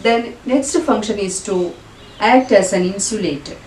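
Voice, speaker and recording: A Malayalam-accented woman from Kerala, India, explains a school biology lesson in an unhurried, mid-range voice with a darkish tone. She teaches didactically and rephrases her points along the way. Faint noise and a roomy sound come through the distant microphone.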